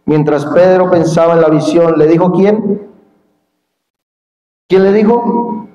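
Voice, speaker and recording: A man preaching a fiery sermon, quizzing the congregation and rising to shouts. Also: high-pitched, takes it slowly, dull audio. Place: large church hall at a congress. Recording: echoey hall with long reverb.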